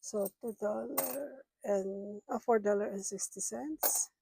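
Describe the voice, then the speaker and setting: A woman's voice: medium pitch, slow, vocal fry, mellow, a little hiss or hum, rough recording. A middle-aged woman who is sick, vlogging about her budget and murmuring as she counts cash aloud, half to herself. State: sick, rough voice. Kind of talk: casual counting-along vlog.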